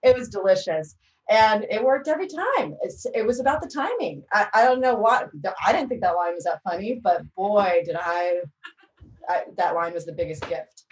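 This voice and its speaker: The woman tells her story with animated flair and acts out her lines as she goes. Her voice sits at a middle pitch. She is heard over a video call, set back from the mic in a roomy, echoing space. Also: moderate pace, far from the mic. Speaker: actor panelist. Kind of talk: casual anecdote on a virtual panel.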